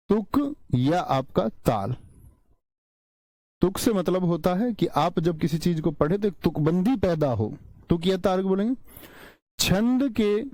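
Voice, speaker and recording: A male teacher giving an online class lecture, speaking slowly, repeating key terms and quizzing his students. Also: high-pitched, a little mellow, dry recording. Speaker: Hindi teacher.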